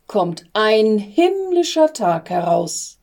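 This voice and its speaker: A woman voicing a patient male archangel in a storybook reading, with a calm, measured, reassuring manner. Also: medium pitch.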